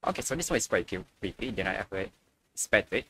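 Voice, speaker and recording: A man's voice: fairly low pitch, lively intonation, quick pace, bright, forceful tone, slightly rough, dry recording. A young man giving casual reaction commentary as a video host.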